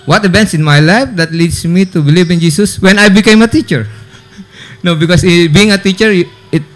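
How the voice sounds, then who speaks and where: A man's voice: high-pitched, fairly quick. A man with a Filipino accent, a teacher answering questions in a casual school radio interview, playful and joking, often restarting his sentences.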